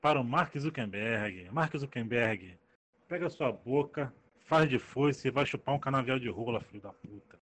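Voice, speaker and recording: A man's voice: medium pitch, expressive, normal speed, a bit bright. A man with a Brazilian accent speaking casually and jokingly as a podcast panelist.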